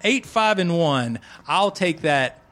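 Hosting a laid-back sports podcast, this forty-year-old man speaks slowly in a somewhat high, slightly bright voice full of animation. He's jokey and talkative and keeps restarting sentences.

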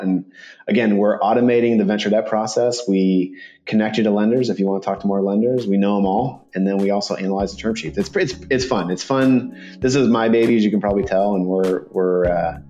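A man's voice: lowish voice, warm tone. Man, podcast guest, casual interview talk, chatty, informal, self-deprecating, muffled lo-fi call sound. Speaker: podcast guest, startup accounting firm founder. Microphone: remote call with headphones.

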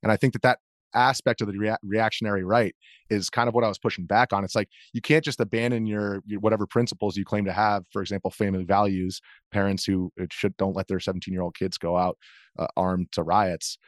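Here an American man being interviewed speaks quickly in a fairly low voice with fairly even intonation. His explanations are earnest and conversational, full of restarted phrases, and the dry recording carries no room sound.

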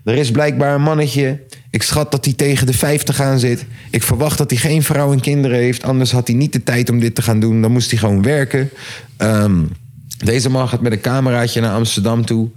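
A man hosting a casual podcast chat, animated and loose, swearing and mixing in English slang. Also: mid-range voice, a little fast.

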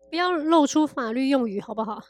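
A woman chatting casually, telling lively anecdotes and laughing often. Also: sits high. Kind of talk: casual chat.

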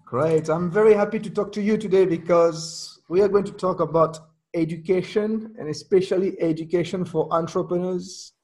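A man's voice: sits high, steady tone, moderate pace, hardly any pauses, darkish tone. A man speaking as a podcast host, delivering scripted introductions and interview questions.

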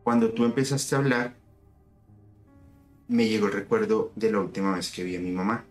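A man's voice: fairly low pitch, steady tone, normal speed. A man telling a story in casual conversation, recounting events in detail and acting out the dialogue. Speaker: guest. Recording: echoey room with soft music.

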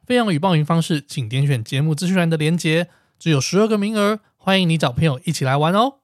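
A man's voice: on the high side, fast talker. A man with a Taiwanese Mandarin accent hosting a travel podcast in an upbeat way. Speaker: podcast host.

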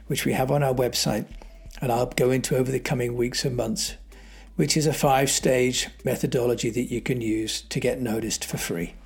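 A man's voice: medium pitch, vocal fry, breathy edge. A man hosting his own podcast, talking through his thoughts alone in a conversational way, with fillers and the odd restart. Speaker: podcast host. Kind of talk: solo podcast monologue.

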